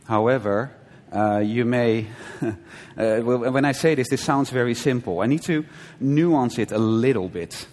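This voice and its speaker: A man teaching a conversational sermon, often checking with his listeners with a quick "right?" and restarting his sentences. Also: medium pitch, a little mellow. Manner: conversational, frequent "right?" checks and brief laughs, self-correcting restarts. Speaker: preacher. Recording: long hall reverb.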